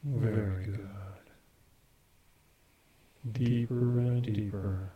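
A man guiding a scripted hypnosis induction, speaking softly and repetitively as he counts numbers. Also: lowish voice, fairly even intonation, slightly rough, highs cut off. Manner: slow, soft, repetitive counting.

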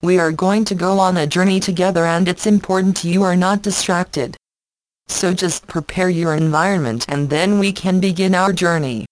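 A woman speaking slowly and softly in a guided hypnosis recording, repeating phrases in a gentle, coaxing way. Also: lowish voice. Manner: slow, soft, repetitive, coaxing. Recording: voice layered with its own overlapping echo track.

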